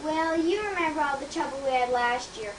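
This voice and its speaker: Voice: high-pitched, a little fast, far from the mic, lightly acted. A young performer playing a fretful, kindly Mrs. Santa in an amateur Christmas stage play, recorded on noisy tape in an echoey room. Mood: worried. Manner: fretful, sighing.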